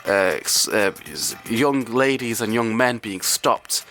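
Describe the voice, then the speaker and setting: Croaky-voiced man hosting radio. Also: medium pitch, takes it slowly, sharp tone, soft background music. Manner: hesitant, conversational, rambling. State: ill, croaky voice. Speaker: community radio host. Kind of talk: casual radio talk, unscripted.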